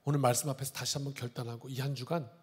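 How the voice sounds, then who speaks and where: A man's voice: mid-range voice, flat delivery, very fast, breathy edge. A man preaching a sermon as a pastor, reading scripture aloud and then explaining and exhorting the congregation. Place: church sanctuary. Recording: long hall reverb.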